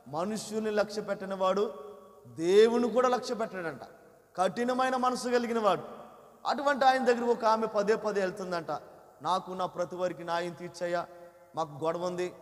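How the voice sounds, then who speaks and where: A man with a Telugu accent preaching a gospel sermon at a church meeting, swinging between loud fervent cries and low, intense passages. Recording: long hall reverb.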